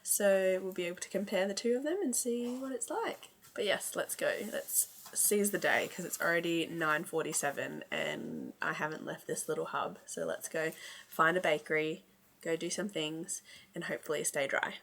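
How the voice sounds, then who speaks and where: Talking to camera from sightseeing stops and a hotel pod, a young woman vlogs about her travels in a loose, filler-heavy ramble. She speaks at a normal speed with a fairly low but bright-toned voice, and a little hiss or hum sits under the recording.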